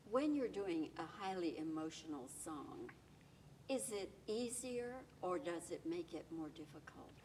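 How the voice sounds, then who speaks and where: A woman asks an actress questions with gracious enthusiasm, her voice a little low. She sounds a bit away from the mic, with faint noise behind her. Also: animated, a little slow, a little mellow, recorded from a distance, low-quality recording. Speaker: interviewer. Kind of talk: TV entertainment interview.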